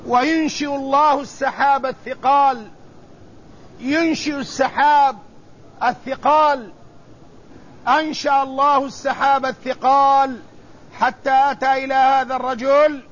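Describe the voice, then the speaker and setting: High-voiced man preaching slowly. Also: fairly bright tone. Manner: slow, measured delivery with solemn repetition. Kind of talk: religious sermon. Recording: dull lo-fi recording with faint noise.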